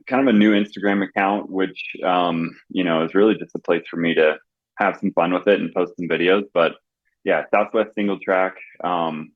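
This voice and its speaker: Guest, thirties, male, very low voice, relaxed filler-heavy chat, muffled dry audio. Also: moderate pace, dry recording. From Southwest United States. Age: 30s. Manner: easygoing, with fillers. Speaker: podcast guest. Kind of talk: casual interview chat.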